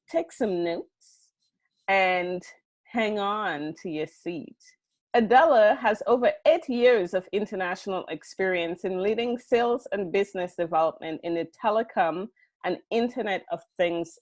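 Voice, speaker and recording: A woman's voice: lowish voice, dry recording. A woman hosts an interview podcast, greeting her listeners and introducing her guest with upbeat enthusiasm. Her voice is recorded close and dry, with no room sound around it. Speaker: podcast host.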